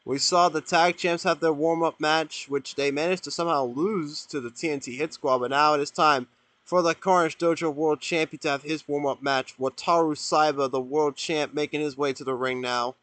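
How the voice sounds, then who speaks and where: Male wrestling commentator, excitable play-by-play. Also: fairly high pitch, moderate pace, no room sound. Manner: excitable, erupts into shouting at big moves.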